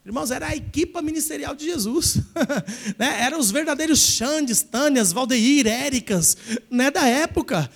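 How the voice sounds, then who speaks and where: A man preaching a sermon in church, his voice sitting unusually high. He leads the congregation in call-and-response and rises to shouting at the peaks. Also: expressive, moderate pace, creaky. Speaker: pastor.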